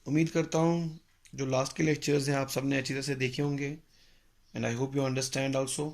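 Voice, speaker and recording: A man teaching a music lesson, explaining slowly and patiently with pauses and mixing in English phrases. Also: medium pitch, level tone. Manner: mixes English phrases into Hindi. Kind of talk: spoken lecture.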